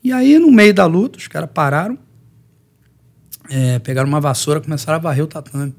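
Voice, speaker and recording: Gravelly man telling stories. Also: fairly high pitch, a little fast. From Rio de Janeiro, Brazil. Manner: lively storyteller who acts out the voices of others. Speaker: guest, jiu-jitsu teacher and fighter. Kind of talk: podcast interview storytelling.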